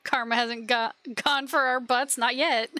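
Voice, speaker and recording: Bright-voiced young woman streaming a game. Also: high voice, steady tone, measured pace, no room sound. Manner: chatty, reads quest text aloud, giggly asides. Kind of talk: live gameplay commentary and reading game text aloud.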